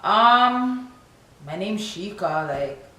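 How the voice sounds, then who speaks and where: This young Toronto woman talks very slowly, yet her medium-pitched voice is bright and forceful with lively intonation. She chats animatedly to camera, working through tag questions in Canadian English that slips into Jamaican Patois. Background hiss and strong room echo fill the recording.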